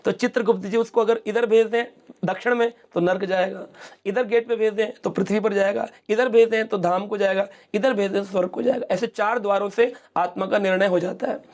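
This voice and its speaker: A man's voice: high-pitched, steady tone, fairly quick, a little mellow. A middle-aged man, a spiritual speaker, explaining scripture in an interview and acting out quoted speech as he tells stories. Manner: storytelling, mixes English words, acts out quoted speech.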